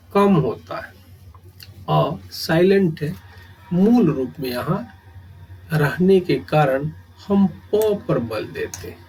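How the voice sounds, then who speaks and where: Slow, deliberate male grammar teacher. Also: a little high, a little mellow, slightly rough, rough recording. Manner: speaks in short phrases with long pauses, repeating key terms.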